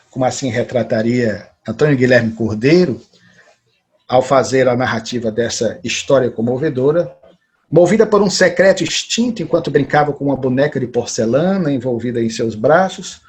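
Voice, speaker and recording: A man with a Brazilian accent giving an online public lecture, telling a story dramatically and expressively. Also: mid-range voice. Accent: Brazilian Portuguese.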